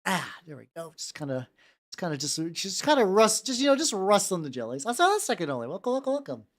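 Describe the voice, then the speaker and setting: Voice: mid-range voice, wildly swooping pitch, fast. A livestream host chatting casually while painting miniatures, talking constantly in a rambling, foul-mouthed way.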